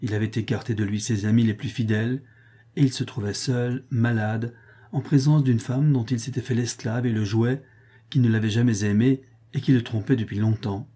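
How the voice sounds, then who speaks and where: A man reading a historical narrative aloud in a measured way, rising for dramatic passages. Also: medium pitch, steady tone, mellow, breathy edge.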